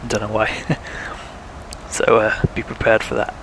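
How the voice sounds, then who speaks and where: Young man, gravelly voice, sore throat, hesitant think-aloud streamer, faint hum behind. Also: lowish voice, monotone, measured pace, fairly bright tone, low-quality recording. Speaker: flight sim streamer. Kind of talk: casual live-stream commentary.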